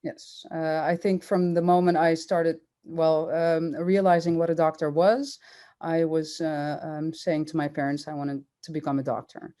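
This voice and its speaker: A woman who grew up in Curaçao, speaking as an oncologist guest in a podcast interview, measured and thoughtful with many fillers. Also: low voice, little pitch movement, warm tone.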